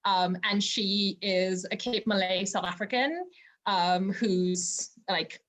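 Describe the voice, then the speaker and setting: A woman's voice: mid-range voice, slow, a bit bright. A woman from Zimbabwe, a podcast guest talking over a remote call from home, earnest and reflective, with many fillers. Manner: earnest and reflective, with frequent fillers like "you know". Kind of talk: casual interview conversation.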